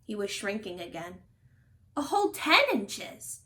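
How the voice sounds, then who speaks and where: A woman with a medium-pitched voice narrates a children's picture book, her reading expressive and deliberate like a storyteller's.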